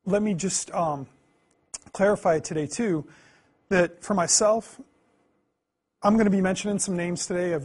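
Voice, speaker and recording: A man in his thirties teaching a Bible class in a classroom, earnest, asking the students questions and swinging between loud emphasis and quiet asides. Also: fairly high pitch, husky. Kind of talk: classroom lecture. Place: classroom, indoors.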